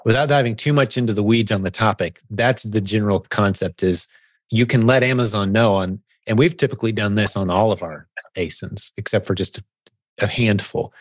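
A man hosting a live video-call Q&A, relaxed and encouraging, calling people buddy and man. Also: fairly low pitch, a little fast, dry recording. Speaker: podcast host answering seller questions.

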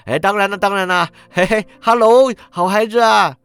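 A man's voice: high voice, moderate pace, fairly bright tone, smooth, no echo, pitched above the performer's own voice. A man voicing a giddy, reformed old miser who exclaims breathlessly with delight in a storybook reading.

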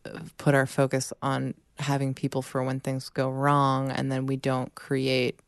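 Chatty low-voiced woman, laughing often. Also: a little slow, vocal fry, dry recording, studio quality. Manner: animated, laughs often, many fillers. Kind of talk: casual podcast chat.

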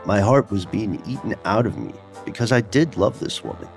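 An actor playing a bitter, jealous middle-aged bootlegger who spits contempt at a rival. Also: male voice, on the low side, big pitch swings, moderate pace, creaky, a little mellow, faint music behind. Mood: venomous. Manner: venomous, contemptuous.

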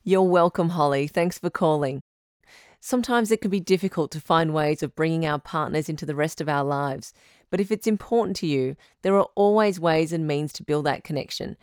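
A woman voicing a smooth radio host who runs a call-in advice show in a radio drama, steady and reassuring. Her voice sits fairly low, and she is recorded close and dry with no room sound. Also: a little fast, dry recording, lightly acted. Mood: calm, welcoming.

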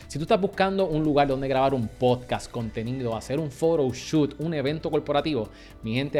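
A man with a Puerto Rican accent hosting a podcast, talking to his listeners in an upbeat, energetic way. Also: mid-range voice. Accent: Puerto Rican Spanish. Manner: upbeat, addresses listeners as "mi gente". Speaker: podcast host. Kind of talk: energetic podcast intro and interview.

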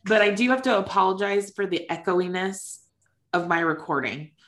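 A woman's voice: mid-range voice, moderate pace, fairly bright tone. A woman co-hosting a podcast in casual chat, talking with frequent laughs and "um"s, her voice echoing in a large empty room. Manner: chatty, laughs often, many "um"s. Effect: big empty-room echo. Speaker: podcast co-host, veterinary educator. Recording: echoey empty-room recording.

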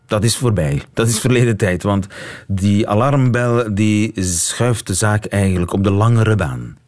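A man's voice: lowish voice, a little mellow, no room sound. Een Vlaamse man die als radiopresentator gesprekken leidt en kordaat doorvraagt. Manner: brisk, probing questions. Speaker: radio host. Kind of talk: radio interview. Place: radio studio.

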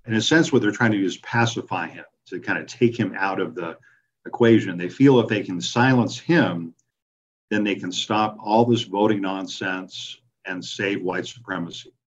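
A man's voice: deep voice, moderate pace. A man giving conversational expert commentary as a historian being interviewed. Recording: slightly dull, lo-fi interview audio.

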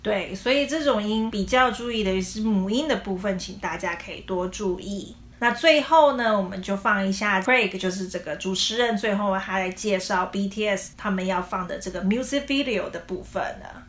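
A woman who teaches English explains pronunciation patiently, slowly saying English phrases as examples. Her voice is mid-range.

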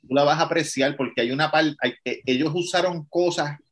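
A man's voice: on the high side, a little fast, slight background noise. Chatty man. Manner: profane, chatty recounting. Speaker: podcast co-host. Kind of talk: casual chat.

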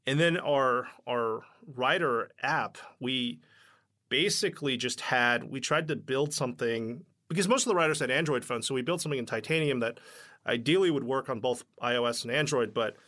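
A man's voice: mid-range voice, pushed and bright. A man, a startup founder and guest, recalls his early days in a casual interview, full of "like" fillers and acted-out dialogue. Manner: chatty, heavy with "like" fillers, acts out dialogue.

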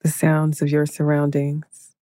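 A woman guides a meditation in a slow, soothing, hushed voice, counting breaths and counting down. Her voice sits low and monotone, with no room sound.

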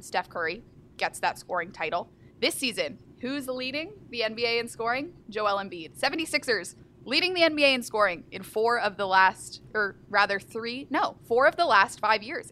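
A woman's voice: mid-range voice, sharp tone, a little hiss or hum. A woman from Houston hosting a live basketball talk show, speaking with enthusiastic emphasis. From Houston, Texas. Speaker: sports show host.

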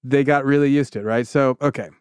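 A man co-hosting a podcast, telling rambling, animated anecdotes with frequent laughter in casual chat. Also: mid-range voice, fast talker, smooth, no echo. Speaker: podcast co-host. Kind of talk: casual conversational storytelling.

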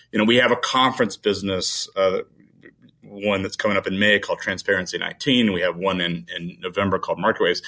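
A man's voice: lowish voice, a bit bright. A man answering interview questions as a company founder, rambling with frequent restarts and fillers.

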